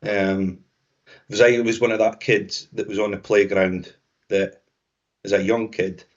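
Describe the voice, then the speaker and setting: A man's voice: lowish voice, level tone, unhurried. A Scottish man co-hosting a podcast, talking reflectively in casual conversation with frequent restarts. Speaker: podcast co-host. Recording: dull lo-fi sound.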